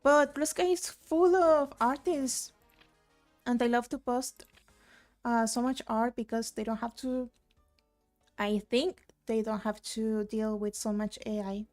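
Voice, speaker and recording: A chatty young Argentine woman streams a game, chatting casually over game music. Her voice is fairly high, unhurried, and a little mellow. She reads the chat aloud and rambles with plenty of fillers.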